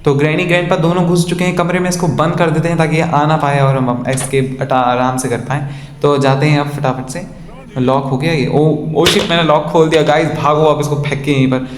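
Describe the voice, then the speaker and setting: A man's voice: fairly high pitch, little pitch movement, a little fast. A man casually commenting on his own gameplay in speech, chatting to viewers and calling them guys. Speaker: gaming vlogger. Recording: echoey room, faint ambient noise.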